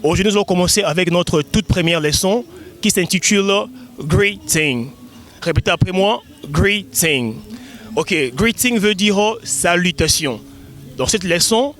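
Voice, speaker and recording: A man hosting a beginner language lesson online, speaking in a slow, drilled classroom manner and repeating key words for learners to echo. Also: high-pitched, fairly bright tone. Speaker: English teacher hosting a web lesson.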